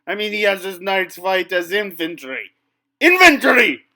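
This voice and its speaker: A haughty defender of knighthood, acted by a man protests with emphatic indignation. The voice is fairly high and forceful, arguing in a mock news debate. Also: very animated, a little slow, heavily acted. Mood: outraged. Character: indignant, haughty male champion of French knighthood.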